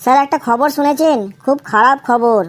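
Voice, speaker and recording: Using a natural, high-pitched voice and speaking a little fast, a woman performs as a cheeky young schoolboy in a Bengali comedy cartoon. The character's silly answers come across cheeky and earnest.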